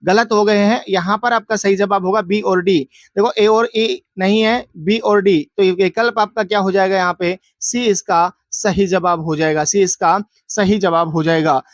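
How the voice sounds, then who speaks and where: A man's voice: high-pitched, fairly even intonation, normal speed, few pauses, dry recording. A man teacher going through exam answers, asking questions and answering them himself in a drilling, repetitive way. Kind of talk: exam answer walkthrough lesson.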